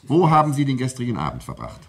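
In a vintage German radio crime drama, a male actor plays a stern, insistent coroner who questions a witness formally and deliberately in an accusing mood. His mid-range voice swings hugely in pitch, and background noise is audible.

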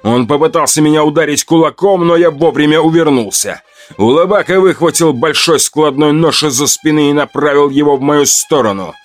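A man narrating a first-person story in a steady, plain way. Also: fairly high pitch, brisk, soft background music.

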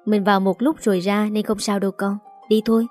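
A woman voicing a stubborn young father who answers in curt, clipped lines, with soft music behind. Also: medium pitch, little pitch movement, a little fast, natural voice.

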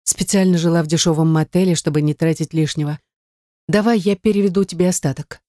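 An audiobook reader voicing a distressed young ex-wife who pleads in a raised, defensive voice. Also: female voice, fairly low pitch, steady tone, fast talker, warm tone, no echo, clean studio sound, lightly acted. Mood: muttering. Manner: pleading, rising voice. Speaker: audiobook character. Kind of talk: audiobook reading.

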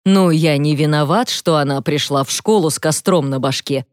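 A woman's voice: deep voice, moderate pace, no room sound, studio quality, lightly acted. A woman voicing a teenage boy who mocks a classmate. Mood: mocking. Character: teasing teenage boy bully.

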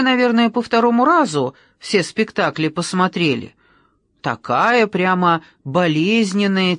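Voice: mid-range voice, a bit bright, no echo, studio quality. A reader voicing a whiny teenage girl. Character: complaining teenage schoolgirl Darya.

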